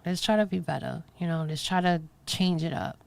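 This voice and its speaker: Brooklyn-accented woman host, middle-aged, rambling and emphatic, smooth clear voice, dry close sound. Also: on the low side, a little fast, a little mellow, no room sound. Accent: New York, Brooklyn. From New York (Brooklyn). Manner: chatty, rambling, emphatic asides. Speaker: podcast host. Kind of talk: casual solo chat to a live stream.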